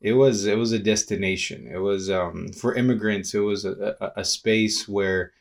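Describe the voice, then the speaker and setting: A young man from Peru speaks in a low voice, a pastor and organizer talking through his thoughts in a casual interview. He goes slowly and carefully, restarting phrases and filling pauses as he reaches for the right words. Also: steady tone, vocal fry. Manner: thoughtful, halting, many restarts and fillers.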